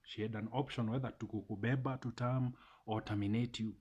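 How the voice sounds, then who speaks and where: Husky man, casual vlog. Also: mid-range voice, fairly even intonation, a little fast, darkish tone, lo-fi sound. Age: 30s. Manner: repeats phrases, mixes in Swahili. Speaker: vlogger.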